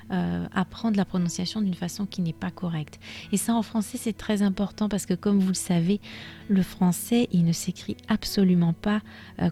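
Woman doing a chill french lesson podcast, mellow voice, lots of little euh pauses, soft music in back. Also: medium pitch. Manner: calm, explanatory, frequent "euh" pauses. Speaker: French teacher.

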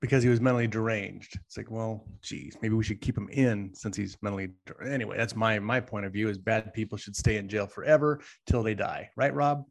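A man's voice: lowish voice, brisk, creaky, few pauses. A man co-hosting a talk show, arguing his point emphatically with lots of rhetorical questions. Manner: emphatic, rhetorical, keeps asking "right?". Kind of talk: opinionated casual talk.

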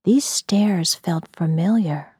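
A woman from the US Midwest telling a story in a soft, breathy whisper. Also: lowish voice, takes it slowly, no room sound, studio quality.

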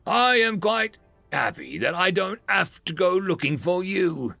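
A cold, mysterious hooded avenger, calm and cutting, as a male narrator puts the figure on. The voice sits raised and gravelly, with lively swings of pitch in a dry, close reading. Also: unhurried, dry recording, soft background music, exaggerated voice.

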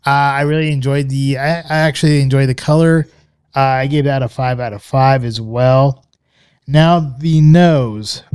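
A man co-hosts a podcast reviewing scotch, rambling casually in a relaxed, hesitant way full of fillers and restarts. His medium-pitched voice has a clean tone and a slightly slow pace. The audio is clean studio sound with no room sound.

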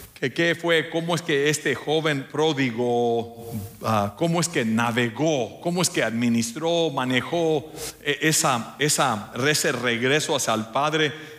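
A man's voice: medium pitch, a bit bright. A man preaching a sermon as pastor, emphatic and talking straight to the congregation, with an English word slipped in now and then. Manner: drops English words into Spanish.

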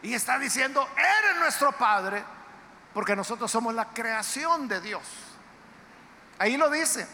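High-pitched, gravelly preacher in a hall. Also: male voice, lively intonation, normal speed. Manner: emphatic, dramatic preaching with sudden loud outbursts. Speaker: pastor. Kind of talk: sermon. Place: church sanctuary. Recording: reverberant church hall, faint background noise.

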